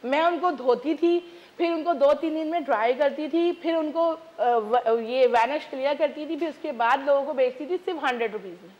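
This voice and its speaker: A high-voiced woman chats emphatically as a guest in a TV studio. She talks about her bag business in a casual, lively way, speaking through a lapel mic. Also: moderate pace, dull audio. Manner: chatty, emphatic, mixes English words. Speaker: guest, preloved bag seller. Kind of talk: casual talk show chat.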